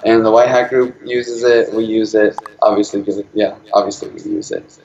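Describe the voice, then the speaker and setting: A man giving a live talk about his nonprofit project. He speaks quickly, with many fillers and restarts. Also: on the low side. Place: event hall. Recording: echoey room, slightly dull sound.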